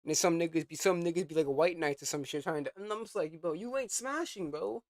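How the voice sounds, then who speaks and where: A man's voice: fairly high pitch, quick pace, dry recording. A young adult man co-hosting a reaction show, ranting in casual chat with lots of stammered restarts, swearing and mockery. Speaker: co-host reacting to clips.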